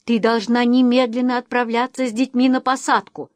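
A woman's voice: normal speed, no echo, natural voice. A woman voicing a worried husband who speaks steadily, trying to reassure his wife. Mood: urging. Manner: steady, low-key, urging. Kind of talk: audiobook character voicing.

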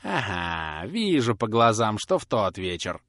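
A man's voice: medium pitch, big pitch swings, normal speed, a bit bright, no room sound, studio quality. A man voicing a grasping, sly old woman who coaxes and snaps as she pries for secrets, in a storybook reading. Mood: coaxing. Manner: wheedling, coaxing, then snapping. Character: grasping sly old crone, prying and fierce.

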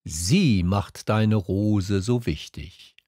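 A man reading an audiobook and voicing a wise, calm fox who explains things patiently. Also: fairly low pitch, extremely slow, no room sound. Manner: patient, teaching.

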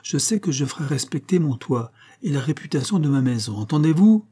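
A man's voice: on the high side, animated, a little fast, warm tone, slightly rough, voice pushed up. A man voicing a stern, stout, haughty middle-aged landlady who talks in a commanding tone. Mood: stern scolding.

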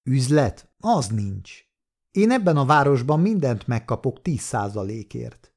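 A sly, self-assured shop owner who is secretly a detective speaks calmly and mockingly in a storybook reading, voiced by a man. His voice is dark and mellow, pitched in an ordinary male range. He sounds cool and quietly challenging.

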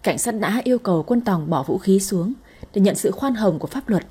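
A woman's voice: medium pitch, animated, brisk, warm tone, breathy edge. A woman narrating a dramatic family story in the first person, voicing each character herself.

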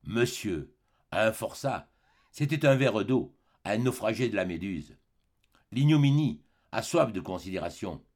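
A man reading a classic novel aloud as an audiobook narrator, measured and expressive. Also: lowish voice. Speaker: audiobook reader. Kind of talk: scripted literary narration.

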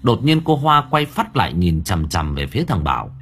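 A man narrating a horror audio story in a dramatic, expressive way. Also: low-pitched, normal speed. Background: faint background music.

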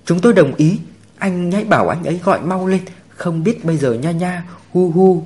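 A man's voice: high-pitched, lively intonation, normal speed, a little mellow, pitched above the performer's own voice. A man voicing a frantic woman, the mother of a kidnapped girl, pleading through sobs. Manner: pleading, sobbing.

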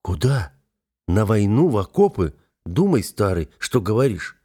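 A man's voice: on the low side, big pitch swings, unhurried, mellow, breathy edge, full character voice. A man voicing a wry, practical young male hero, close to his own reading voice. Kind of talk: audiobook character voice.

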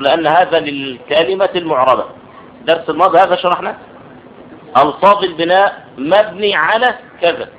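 A man's voice: on the high side, a little hiss or hum. Egyptian man teaching, lo-fi classroom recording. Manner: explanatory, checks understanding with quick questions. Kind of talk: classroom grammar lesson.

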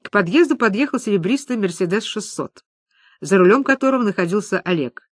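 A woman's voice: medium pitch, quick pace, no room sound, clean studio sound. Woman reading a story aloud. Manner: expressive storytelling, voices the characters. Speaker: narrator. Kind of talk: audiobook reading.

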